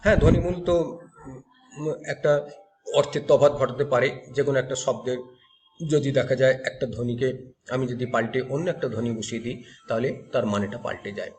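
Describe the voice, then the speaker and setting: A man's voice: mid-range voice, fast, pauses often, a little mellow, slight background noise. A male teacher giving a grammar lecture, explaining step by step and asking and answering his own questions. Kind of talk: classroom lecture.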